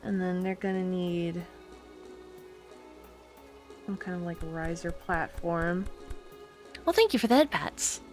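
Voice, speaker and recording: A young woman streaming casually while she draws, chatting to viewers, giggling and muttering quietly to herself as she works. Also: lowish voice, takes it slowly, pauses often. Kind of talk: casual art stream chat. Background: faint music.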